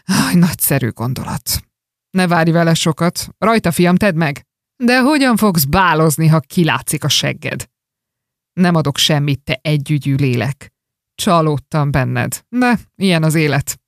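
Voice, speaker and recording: A reader voicing a dying, miserly old Scottish father in a rhymed story, speaking low and faint with scorn. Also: animated, dry recording, studio quality, natural voice. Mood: mocking.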